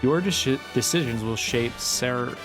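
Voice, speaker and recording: A man commenting casually on a video game in a medium-pitched voice. He is jokey and irreverent, with faint game music behind him. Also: unhurried, rough recording. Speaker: gamer playing on camera or stream. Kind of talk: casual joking gameplay commentary.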